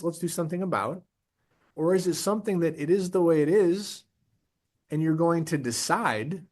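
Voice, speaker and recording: A man presenting a leadership webinar in a casual, energetic, conversational way, often restarting his sentences. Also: a little high. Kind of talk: casual motivational talk.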